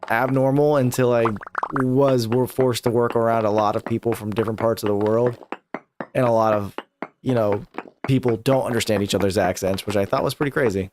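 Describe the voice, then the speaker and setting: Over a noisy background, a young man with a medium-pitched voice streams a video game live. He chats casually and stays laid-back, laughing often and swearing freely.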